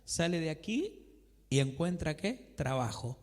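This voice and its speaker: A man's voice: a little high, very animated, measured pace. A man preaching a sermon in a church, who asks his congregation questions and answers them himself and acts out conversations between a believer and God. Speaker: pastor. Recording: long reverb of a church hall.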